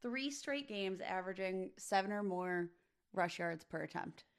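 A woman co-hosting a podcast in casual chat, slightly hoarse, with a relaxed, loose delivery full of "um" and "like". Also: mid-range voice, measured pace. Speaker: podcast co-host.

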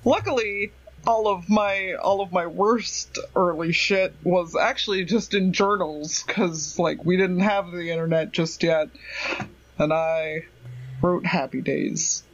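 A man's voice: high voice, fairly even intonation, takes it slowly, fairly bright tone. A man co-hosting a podcast, chatty and self-deprecating in casual talk. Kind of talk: casual chat. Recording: slightly dull lo-fi recording.

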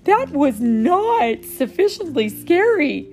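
A woman voicing a strict, proper male monster teacher who gives loud, precise commands, with music playing behind. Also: high-pitched, big pitch swings, slow, full character voice. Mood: stern.

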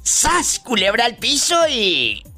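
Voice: medium pitch, huge pitch swings, takes it slowly, loud music behind the voice. A self-styled diva hosting a comic call-in radio show, teasing callers in a flamboyant, playful way.

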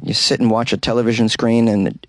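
A man's voice: mid-range voice, level tone, brisk, dry recording. A man hosting a casual comedy podcast about odd news, rambling in a wry, self-deprecating way, recorded in a small closet. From New England. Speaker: podcast host.

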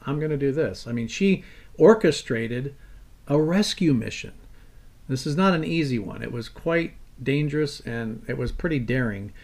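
A man hosting a history podcast, reading scripted narration in an earnest, measured storytelling way. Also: mid-range voice, gravelly. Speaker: podcast host.

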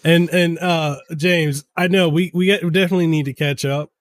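Excitable man in his thirties chatting. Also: on the high side, brisk. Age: 30s. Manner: excitable, stumbles and repeats words. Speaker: podcast guest, game reviewer. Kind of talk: casual podcast chat.

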